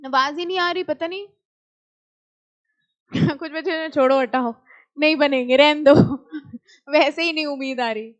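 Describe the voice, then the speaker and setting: High-voiced woman teaching class. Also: muffled recording. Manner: questions and teases students, reads slowly. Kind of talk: classroom law lecture.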